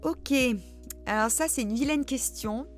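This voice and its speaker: A middle-aged woman's voice sits high and unhurried over faint music. Running a reading channel, she responds to viewer questions conversationally, self-deprecating and full of hesitant fillers.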